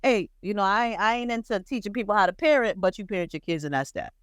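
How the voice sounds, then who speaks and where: A woman co-hosting a podcast, chatting bluntly and profanely about celebrity gossip with lively storytelling. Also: mid-range voice, quick pace, clean tone, no echo. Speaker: podcast co-host. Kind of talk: casual pop-culture chat.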